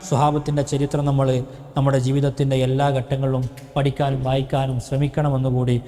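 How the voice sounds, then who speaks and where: A man's voice: mid-range voice, monotone, fast, warm tone. A man giving a religious talk as a preacher. He tells stories and keeps putting questions to his listeners. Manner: storytelling with rhetorical questions to listeners. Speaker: Islamic preacher. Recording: long hall reverb.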